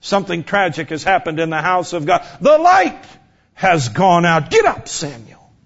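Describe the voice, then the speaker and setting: A man in his fifties delivers a sermon in a fairly high voice. He swings between loud, urgent exhortation and a quiet, hushed delivery. The recording sounds dull and lo-fi. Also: very animated, normal speed, creaky. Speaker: preacher.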